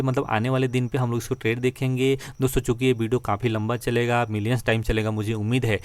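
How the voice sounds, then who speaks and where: A man's voice: mid-range voice, no echo. Guy walking thru stock charts on screen, keeps saying friends, repeats stuff, dry close mic. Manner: repetitive, addresses viewers as friends. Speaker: stock trading teacher. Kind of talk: screen-share chart tutorial.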